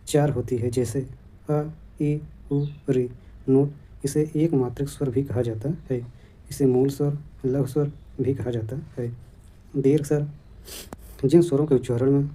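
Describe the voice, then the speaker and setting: Dark-voiced male teacher dictating. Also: mid-range voice. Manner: steady, dictation-like listing of terms. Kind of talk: exam-prep grammar lesson.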